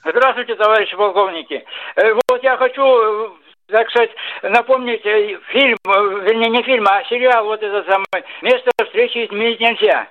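A man's voice: high-pitched, moderate pace. A male radio caller who talks hesitantly with many fillers, heard over a phone line.

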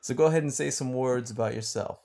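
A man's voice: mid-range voice, fast talker, vocal fry, dark tone. A man hosting a casual podcast, explaining things for listeners and laughing often. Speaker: podcast host and teacher.

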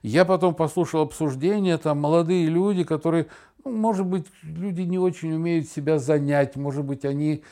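With a warm, fairly high voice at a moderate pace, this middle-aged podcast co-host spins stories in casual conversation. He's dryly sardonic and theatrical, voicing made-up lines as he goes.

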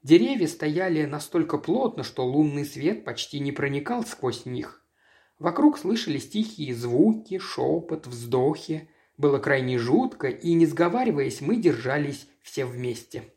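Audiobook reader, steady scripted narration, middle-range voice. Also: medium pitch, measured pace.

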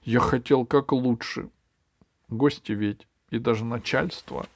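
A man's voice: mid-range voice, measured pace, dry recording. A man reading an audiobook voices a good-natured many-headed dragon who talks in a folksy, chatty way.

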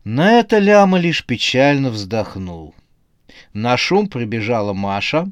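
A man narrating a comic horror novel as an audiobook with expressive, lively storytelling. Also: medium pitch, a little slow, no room sound, studio quality.

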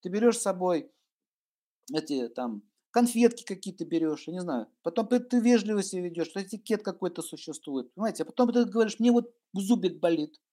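Animated man lecturing with jokes. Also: sits high, brisk. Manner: animated, joking, acts out little scenes. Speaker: esoteric teacher and astrologer. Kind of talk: humorous spiritual lecture.

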